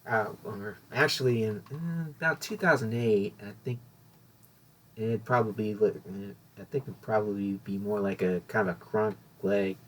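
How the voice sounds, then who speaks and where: A man's voice: on the low side, moderate pace, slight background noise. A man hosting a casual solo podcast, rambling and correcting himself as he talks. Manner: rambling, self-correcting, chatty. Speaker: podcast host.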